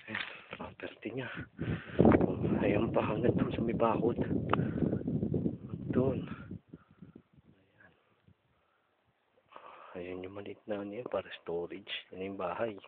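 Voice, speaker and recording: A man's voice: fairly low pitch, fairly even intonation. A man giving a casual walking tour outdoors, pointing things out and a little out of breath from climbing. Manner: points things out with repeated "ayan", slow and unhurried. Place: outdoors on a hillside property. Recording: tinny lo-fi phone-like audio, loud noise.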